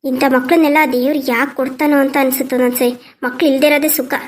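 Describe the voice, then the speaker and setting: A woman's voice: high-pitched, level tone, fast talker, natural voice. A woman voicing a fretful, scolding mother in a cartoon, who wails and laments. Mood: lamenting. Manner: scolding, then wailing and lamenting. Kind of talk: cartoon voice acting.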